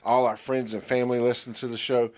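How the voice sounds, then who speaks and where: A man's voice: mid-range voice, flat delivery, fast talker, a little mellow. A man co-hosting a podcast in casual chat, rambling with stammered restarts. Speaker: podcast co-host.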